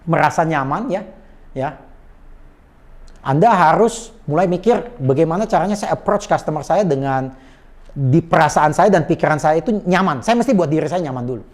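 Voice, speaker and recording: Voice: mid-range voice, expressive, normal speed. A sales trainer explaining communication tips in an emphatic, conversational coaching style, politely adding "Pak" to many sentences. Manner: acts out sample phone greetings in a changed voice. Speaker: sales and body language trainer.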